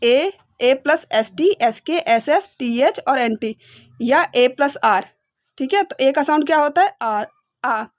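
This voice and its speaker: A young woman with a high, bright-pitched voice teaches beginner phonics. She spells out each letter sound slowly and patiently, pausing often to check her learners follow. The sound is close and dry, with no room echo. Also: expressive. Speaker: English teacher.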